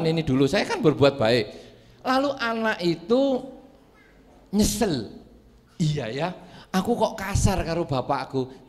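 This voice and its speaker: A man with a Javanese accent giving a Buddhist sermon, telling stories animatedly and acting out quarrels in different voices. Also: fairly high pitch. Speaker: Buddhist monk giving a dharma talk. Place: large hall with audience. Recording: long hall reverb.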